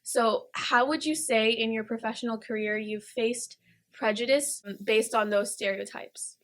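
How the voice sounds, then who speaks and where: A young woman with a fairly high voice hosts a podcast interview. She opens with a scripted introduction, then asks her guest questions and keeps the talk going with short encouraging replies. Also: a little slow, fairly bright tone. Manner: brief encouraging backchannels. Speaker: podcast host.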